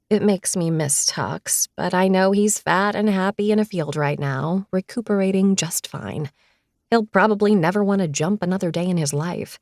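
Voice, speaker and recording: A woman narrating a first-person romance audiobook in a playful, expressive way. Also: on the low side, dry recording, studio quality.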